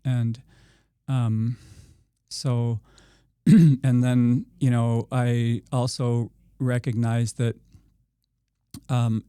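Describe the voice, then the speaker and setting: Slow, halting man with a smooth, dark voice. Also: medium pitch, no room sound, clean studio sound. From Iowa. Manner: slow and halting, many fillers and restarts. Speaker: organic farmer guest. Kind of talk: podcast interview.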